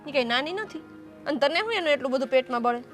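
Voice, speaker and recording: A woman's voice: high voice, lively intonation, fast talker, faint music behind. A woman playing a defiant younger daughter who argues with her family. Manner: defiant, argumentative. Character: stubborn younger daughter insisting on marrying first. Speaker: younger sister. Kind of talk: family drama acting.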